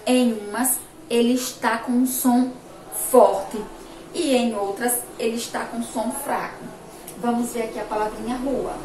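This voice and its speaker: A woman from Brazil teaching a phonics lesson to young children, speaking slowly and emphatically, repeating sounds and words. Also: fairly high pitch, darkish tone. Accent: Brazilian Portuguese, Sergipe. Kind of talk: remote school phonics lesson. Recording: echoey room, distant mic, faint noise.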